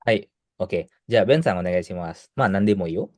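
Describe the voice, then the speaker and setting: Relaxed male language teacher, low voice. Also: moderate pace. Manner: relaxed, explaining patiently with casual slang. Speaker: Japanese teacher. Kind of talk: online language class.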